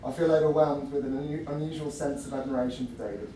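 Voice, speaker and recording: A man in his twenties giving a wedding toast to guests as best man, jokey and a little halting. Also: medium pitch, steady tone, dark tone. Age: 20s. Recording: roomy, distant mic, noisy venue.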